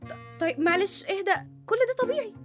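Brief: woman voicing dramatic young wife in her 20s, Egyptian accent, complains fast. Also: very high-pitched, expressive, faint music behind. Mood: exasperated. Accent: Egyptian Arabic.

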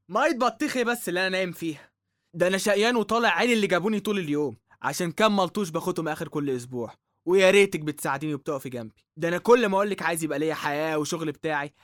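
Young egyptian mechanic guy, talks super fast, slangy, cheeky, a bit high voiced. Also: a bit bright, no room sound, clean studio sound. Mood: complaining. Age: young adult. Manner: streetwise, complaining, slangy. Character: put-upon, cheeky young working-class mechanic son. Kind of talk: dramatic dialogue.

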